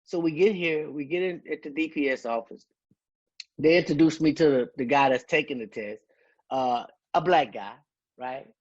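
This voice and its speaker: A man's voice: on the high side, moderate pace, muffled recording. A man giving an emotional personal testimony as a guest speaker, telling his story with earnest conviction. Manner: earnest, emotional, quotes dialogue.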